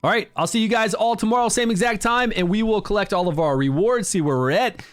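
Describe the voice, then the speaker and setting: A man's voice: high-pitched, fast, soft background music. A man casually commenting during a game livestream, chatting with viewers and greeting them by name. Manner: upbeat, promotes the game.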